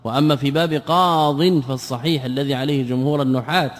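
A man's voice: medium pitch, fairly even intonation, quick pace. A male scholar teaching grammar in a classroom lesson, repeating words and quizzing his students with questions. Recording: long reverb of a large hall.

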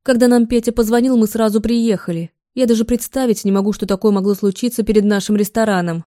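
Woman reading a fussy two-faced young fiancée, bit higher and sharper, dry sound. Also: fairly even intonation, fast talker, mellow, no echo, natural voice. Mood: tearful. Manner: shrill, sobbing, exclamatory.

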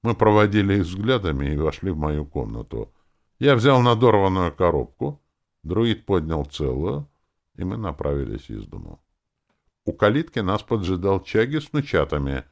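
A man narrates a first-person fantasy audiobook with a wry, expressive read. His voice is very low and gravelly, yet rises and falls with lively intonation. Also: normal speed.

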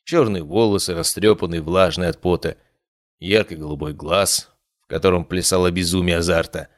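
A male narrator telling a first-person fantasy tale. His voice sits low and even, measured in pace. The recording is close and dry, with no room sound. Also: dry recording. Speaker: audiobook narrator.

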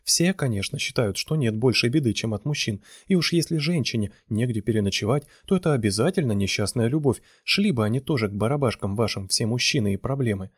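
Curt young woman, put on by a husky man. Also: mid-range voice, expressive, fast, hardly any pauses, no echo, clean studio sound. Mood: sarcastic. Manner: curt, prickly retorts. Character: sharp-tongued blunt young woman.

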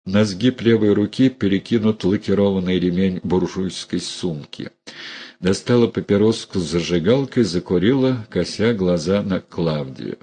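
A man narrating an audiobook in an expressive, dramatic reading. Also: sits low, moderate pace, slight background noise.

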